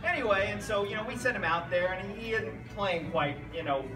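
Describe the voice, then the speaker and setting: High-voiced American coach giving an informal speech. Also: male voice, lively intonation, brisk. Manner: rambling, anecdotal. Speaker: youth football coach. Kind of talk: informal banquet speech honoring a player. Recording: roomy, distant mic, loud music behind.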